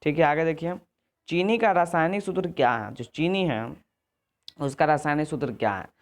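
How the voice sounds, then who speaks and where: Exam-prep tutor, repetitive, self-correcting, mid pitch. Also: normal speed. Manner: checks in with "ठीक है" and "आगे देखिए". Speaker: teacher. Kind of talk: exam answer walkthrough lesson.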